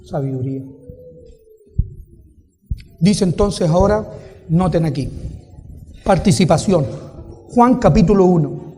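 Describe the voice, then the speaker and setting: A man's voice: high voice, expressive, slow pace, pauses often, warm tone. A man preaching a sermon with emphasis, putting rhetorical questions to the congregation. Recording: echoey hall with background music.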